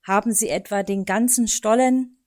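A woman voicing a lively, excitable male fox who flares up quickly. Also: medium pitch, lightly acted. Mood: excited.

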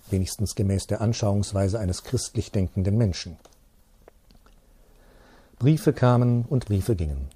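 Husky low-voiced male reader. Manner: calm, measured narration. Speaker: audiobook reader. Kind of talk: literary reading.

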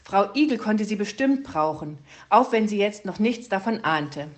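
A woman narrating a children's storybook in a calm, even storytelling voice. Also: mid-range voice, moderate pace. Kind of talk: storybook reading.

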